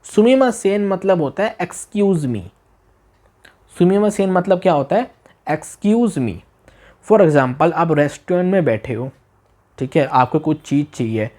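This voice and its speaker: A man teaching a beginner language demo class, repeating phrases slowly, asking the listener questions and exaggerating his tone to show meaning. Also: a little high, darkish tone. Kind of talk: demo class lesson taught in Hindi.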